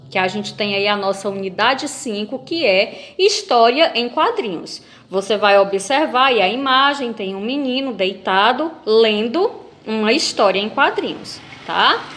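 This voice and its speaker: A woman's voice: fairly high pitch, fairly bright tone. A Brazilian woman teaching young schoolchildren in a video lesson, patiently reading a comic aloud and asking them questions. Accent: Brazilian Portuguese.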